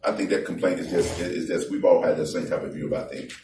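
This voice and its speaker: A man preaching in a loose, conversational way. He slows down and presses hard on the scripture he reads aloud. The recording is roomy and distant, with faint background noise. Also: low-pitched, steady tone. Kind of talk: sermon. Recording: echoey room from far off.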